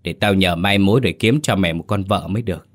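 A man's voice: low-pitched, fast talker. A man voicing a grumbling blind old mother. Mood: irritated. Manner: grumbling, scolding.

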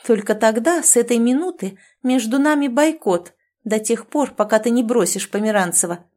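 A domineering, self-certain woman friend who lectures and orders others about with heavy sarcasm, voiced by a female audiobook reader. Her voice is lifted higher and louder than the narration. Each line lands as a command or a cutting remark. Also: lively intonation, normal speed, natural voice. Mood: angry. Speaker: language teacher.

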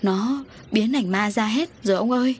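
A woman voicing a scheming rich village wife who panics over ghosts, in a raised, shrill voice. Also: normal speed, a little mellow, a little hiss or hum, natural voice. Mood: frightened.

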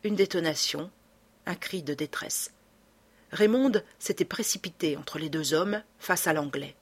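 A woman narrating an audiobook with a dramatic, expressive reading. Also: sits low, unhurried, breathy edge.

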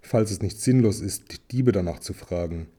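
A man reading aloud and voicing a proud, furious male dwarf king who shouts with contempt. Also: sits low, moderate pace, husky. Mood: angry.

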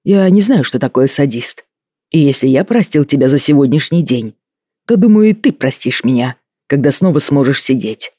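A man's voice: medium pitch, moderate pace, no echo, natural voice. A man reading an audiobook voices a stern young husband who speaks firmly and evenly, with dry mockery. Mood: mocking. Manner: steady, even-toned.

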